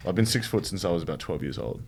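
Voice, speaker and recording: A man's voice: deep voice, expressive, racing, a little mellow, slight background noise. A man co-hosting a casual podcast, playfully arguing and asking questions. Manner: playfully contrarian, laughs often. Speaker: podcast co-host.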